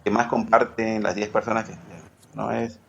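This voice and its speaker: A man's voice: on the low side, completely flat delivery, moderate pace, vocal fry, highs cut off, slight background noise. A man from Peru, a podcast guest who rambles, corrects himself and laughs easily. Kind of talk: casual podcast interview.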